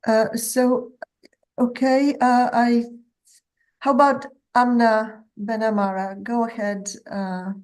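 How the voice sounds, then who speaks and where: A woman moderating an academic symposium panel, calling on speakers in a brisk, affirming way. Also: fairly high pitch, level tone.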